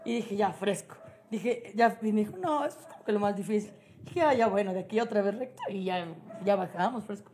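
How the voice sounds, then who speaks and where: A woman with an Ecuadorian accent, telling a story on a casual podcast, animated, laughing and swearing often. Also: medium pitch, brisk, a little hiss or hum. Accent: Ecuadorian Spanish. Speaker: podcast co-host.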